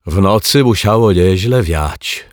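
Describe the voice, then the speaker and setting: A man's voice: low-pitched, lively intonation, measured pace, dry recording, clean studio sound. A man voicing a grown-up male detective with a head cold, who answers in brief, offhand lines. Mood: amused. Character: sniffly grown-up male detective, calm and amused.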